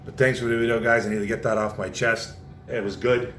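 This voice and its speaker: A man vlogs a heated, casual sports rant, repeating himself for emphasis and dropping "man" at the ends of lines. His pitch sits in an ordinary middle range. The room gives back a noticeable echo, with a faint low rumble underneath. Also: little pitch movement, fairly quick, a bit bright. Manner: passionate, repetitive, says "man" often. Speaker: vlogger.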